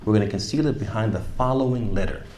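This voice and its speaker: A man's voice: on the low side, quick pace, echoey room, a little hiss or hum. A man leading a tajweed class, modelling sounds and quizzing students as he goes. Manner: animated, demonstrates sounds and asks the class questions. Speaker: tajweed teacher.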